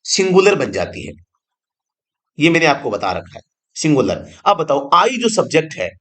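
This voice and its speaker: Lively-voiced male teacher. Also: on the high side. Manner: explains slowly, repeats each word and meaning, asks the class questions. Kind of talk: online exam-prep grammar lesson.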